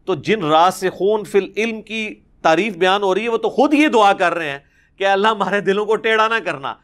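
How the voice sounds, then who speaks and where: A man's voice: sits high, expressive, fairly bright tone. A man giving a Quran commentary lecture, explaining verses, reciting Arabic and asking rhetorical questions. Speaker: Islamic preacher.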